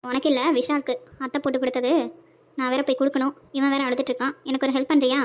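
A woman playing a chirpy, rapid young wife. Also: high voice, level tone, lightly acted. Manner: chirpy, scolding. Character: young wife and mother, bossy but sweet.

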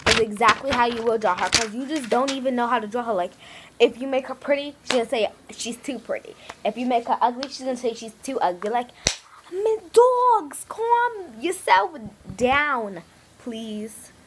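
A female vlogger talking in a chatty, slangy, animated way in a casual comedy video. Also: on the high side, quick pace, heavy background noise.

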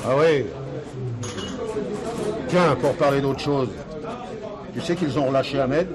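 An actor playing an earnest union worker in a busy bar. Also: male voice, medium pitch, takes it slowly, lightly acted. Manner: friendly, earnest, talkative. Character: earnest factory union man, middle-aged. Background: bar crowd chatter.

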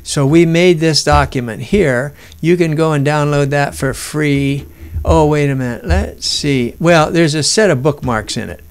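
Guy walking through reference docs on screen, smooth voice, keeps rambling and restarting. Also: a little high, a little slow. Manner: rambling, full of restarts and fillers. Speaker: instructor. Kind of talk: informal screen-share lesson.

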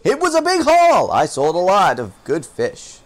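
A man's voice: high voice, huge pitch swings, moderate pace. A man putting on the voice of a folksy old fisherman who runs a shop, with a hearty, rustic drawl.

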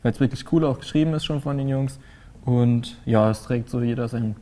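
Casual eighteen-year-old drummer in an interview. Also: male voice, medium pitch, a little fast, slight background noise. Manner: casual, relaxed, with fillers. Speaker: band drummer. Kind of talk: studio interview answers. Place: small TV studio.

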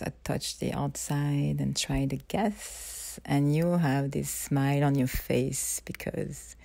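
Woman, low-key mellow tone, very slow, intimate right-in-your-ear guided visualisation, soft phrasing. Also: gravelly, no room sound. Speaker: guide of a self-love ritual. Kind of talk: intimate guided visualisation, spoken softly to a partner.

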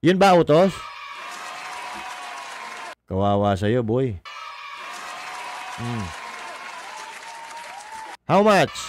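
A man's voice: medium pitch, big pitch swings, very slow, pauses often, darkish tone, a faint crowd, a little hiss or hum. A man doing casual political commentary on a livestream, mocking and combative, swearing and reading viewer comments aloud. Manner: mocking, combative, swears, laughs at own jokes.

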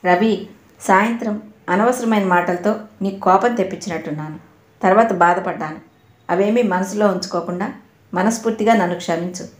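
A gentle, earnest young woman from a well-off family, voiced by a woman reading an audio novel. Her voice is even and mid-pitched. A roomy echo hangs around it. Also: moderate pace, lightly acted. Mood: apologetic.

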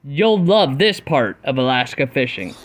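A man's voice: mid-range voice, very animated, a little slow, background noise. A man reading an upbeat voice-over that recommends places and tackle to viewers. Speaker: fishing vlogger. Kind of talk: scripted voice-over narration.

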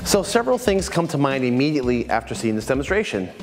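This thirties-aged martial arts instructor walks through blocking techniques in an indoor dojo, comparing them methodically. He speaks fast in a mid-range voice with big pitch swings, a long reverb tail trailing him; a lapel mic captures him in a medium camera shot.

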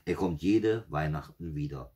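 A man's voice: a bass voice, normal speed, dark tone. A man reading a story, voicing a harried father who is weary and exasperated. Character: harried father dreading his stalking uncle.

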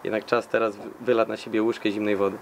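A man's voice: on the low side, level tone, fast, gravelly. A Polish man speaking casually to camera, giving nominations for a challenge video. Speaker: challenge participant. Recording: noticeable ambient background noise.

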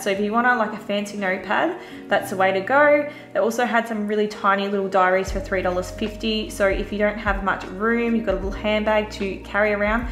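A chatty woman talks through a store haul in a relaxed, easygoing way, full of little fillers. Her voice sits at an ordinary middle pitch. The recording is roomy, with faint music underneath. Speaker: vlogger. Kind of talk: casual shop-with-me voice-over.

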